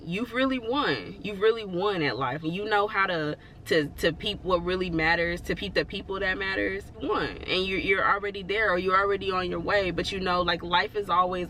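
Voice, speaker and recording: Chatty bright-voiced woman vlogger. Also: lowish voice. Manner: chatty and rambling, full of "like" and "you know"; encouraging, reassuring. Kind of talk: casual motivational talk to camera.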